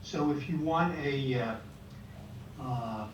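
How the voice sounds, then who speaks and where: A man's voice comes through a video call that keeps freezing and cutting out mid-sentence. He sounds far from his computer mic, in a very echoey room with a faint hiss behind him. His delivery is formal and measured, like a municipal attorney addressing a board. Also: mid-range voice. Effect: remote video call audio that freezes and cuts out. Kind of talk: explaining a policy at a public board meeting.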